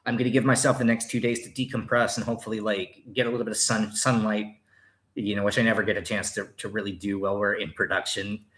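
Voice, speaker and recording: Viewer questions get loose, chatty answers from a man in his thirties streaming casually from his Thailand home, with frequent fillers and restarts. He has a lowish voice and a fairly bright tone.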